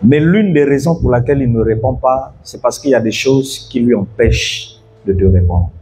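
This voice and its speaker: A man's voice: mid-range voice, moderate pace, warm tone, husky. A pastor preaching an evening sermon, telling a story and calling out to his congregation to follow him.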